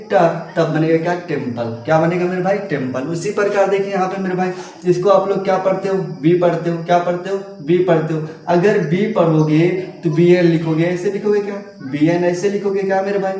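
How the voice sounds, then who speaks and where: A man's voice: sits high, darkish tone, recorded from a distance. A man teaching English letter sounds, who keeps asking questions and answering them himself and calls his viewers brother. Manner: repetitive, asks and answers his own questions. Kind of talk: classroom lesson. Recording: very echoey room, voice away from mic.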